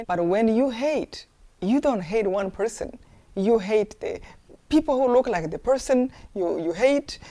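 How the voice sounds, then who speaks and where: A woman's voice: medium pitch, dark tone. A woman from Rwanda giving an earnest testimony talk, with emphatic rhetorical questions. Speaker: speaker.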